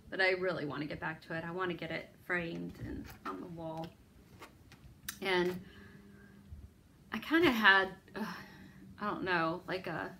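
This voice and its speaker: With a fairly low but bright, forceful voice, a woman hosts a needlework video and casually discusses her stitching. Her talk is rambling and self-deprecating, peppered with ums and restarts, against slight background noise.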